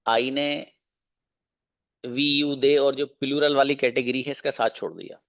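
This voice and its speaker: A man teaching English grammar to a class, drilling example sentences slowly and checking understanding with quick questions. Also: medium pitch, gravelly, a bit bright, no echo.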